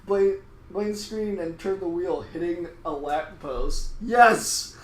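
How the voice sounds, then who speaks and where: Male podcast host, higher voice, reads comic story, keeps laughing; roomy echo. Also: a little slow, darkish tone. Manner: breaks into laughter while reading. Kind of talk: comedic read-aloud with frequent laughter. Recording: echoey room, faint ambient noise.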